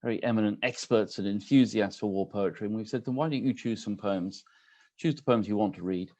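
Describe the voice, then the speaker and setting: A man in his sixties with a low, soft, mellow voice welcomes people to an online reading. He talks casually and hesitantly, full of ums and restarts. He is speaking into a computer on a video call from his kitchen at home. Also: brisk. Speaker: host of online poetry reading.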